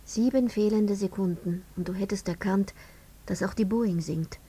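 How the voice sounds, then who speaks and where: An actress playing a relentless narrator who questions in measured, accusing second-person lines, in a radio drama. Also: female voice, medium pitch, mellow, breathy edge, close to an everyday voice. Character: woman narrator-interrogator, cool and relentless.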